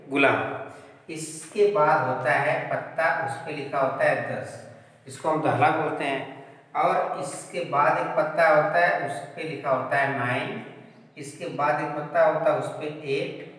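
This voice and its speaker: A male teacher speaks in a classroom, his slightly high voice explaining card types one by one. He keeps asking the class rhetorical questions. The room rings with a strong, long reverb. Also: a bit bright. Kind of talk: classroom math lesson at a board. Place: classroom with a board.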